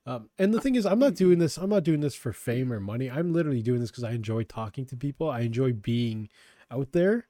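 A man's voice: medium pitch, animated, brisk, mellow, dry recording, studio quality. A young man hosting a casual podcast over a video call, rambling and swearing, intoxicated and laid-back. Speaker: podcast host. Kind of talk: casual chat.

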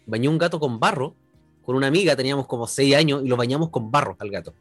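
A man's voice: mid-range voice, fast, no echo, faint music behind. A young man with a Chilean accent, a podcast guest telling a rambling story in slangy casual chat. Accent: Chilean Spanish.

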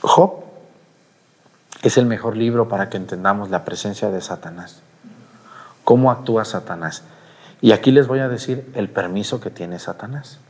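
A man preaching a sermon in an animated way, asking his listeners questions. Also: lowish voice, normal speed, pauses often. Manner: animated, asks the audience questions. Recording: long hall reverb.

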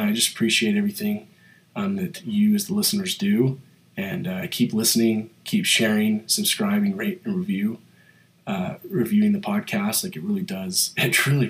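Man, podcast host, solo monologue, nasal from a cold, low voice, motivational, lots of filler words. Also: low-quality recording. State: has a cold.

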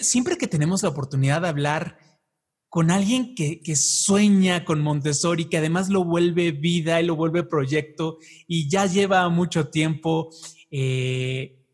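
A man hosting a conversational podcast in an effusive, enthusiastic way. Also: a little high. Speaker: podcast host.

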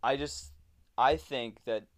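A young man leads a relaxed football chat, loose and joking and quick to laugh. His voice is smooth and clear, sitting at an ordinary pitch for a man. He keeps it light and easygoing throughout. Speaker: podcast host. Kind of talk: casual sports chat.

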